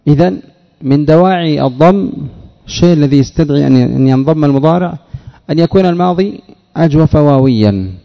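A man teaching a classroom lesson, putting questions to his students and drilling word patterns slowly. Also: on the high side, gravelly. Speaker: teacher of Arabic morphology. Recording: dull audio with long hall reverb.

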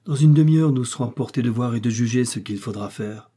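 A resolute male explorer doctor, voiced by a man reading aloud gives calm, measured commands. His voice is warm and husky and sits a little above the narrator's pitch. This is a storybook reading. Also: close to an everyday voice. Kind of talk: audiobook character reading.

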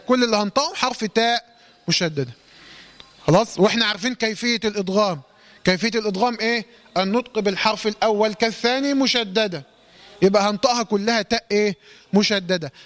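A man with an Egyptian accent teaching a Quran recitation lesson. He asks questions and answers them himself, and draws out recited words slowly. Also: high-pitched, a bit bright, no echo. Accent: Egyptian Arabic. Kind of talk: classroom tajweed lesson.

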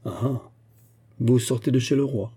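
A man's voice: medium pitch, measured pace, warm tone, husky, pitched above the performer's own voice. A man reading as a proud, weary male superintendent, cold and dignified in defeat, in an audiobook. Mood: ironic.

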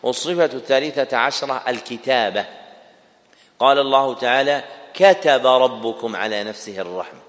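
A male scholar lectures in a mosque hall, his mid-range voice carrying a long reverberant tail. He spells out each term slowly, repeats it for note-taking, and stops now and then to quiz his students. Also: mid-range voice. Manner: repeats key terms slowly for dictation, quizzes students. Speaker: Islamic scholar teaching a class. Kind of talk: classroom lecture on creed.

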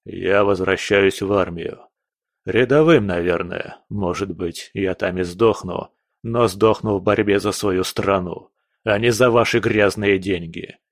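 A weary, disgusted general with a deep, grim and contemptuous delivery, played by a man in an audiobook. The voice sits low and the sound is dry. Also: measured pace, no room sound. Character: weary, disgusted middle-aged male general.

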